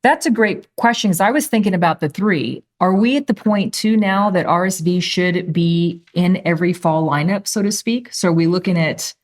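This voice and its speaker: A chatty woman hosting a health talk show. She jokes with her guests and leads into long, winding questions. Her voice sits fairly low for a woman. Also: normal speed, few pauses. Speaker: host.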